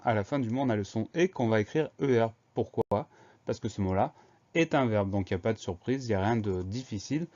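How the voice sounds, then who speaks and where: A man's voice: lowish voice, darkish tone, highs cut off. A man teaching a spelling lesson, patiently breaking words into syllables and spelling them out letter by letter.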